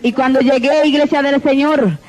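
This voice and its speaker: A woman's voice: sits high, steady tone, normal speed, a little mellow. A woman giving a fervent church testimony, repeatedly calling out to the congregation. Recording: dull lo-fi recording.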